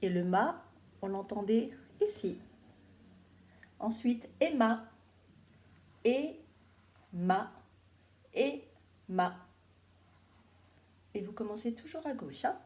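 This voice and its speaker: Brief: female schoolteacher from France, patient and clear, says words slowly for young pupils. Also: a little high, animated, a little mellow. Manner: slow, clear, repeats words syllable by syllable. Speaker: primary school teacher. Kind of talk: recorded remote phonics lesson for children.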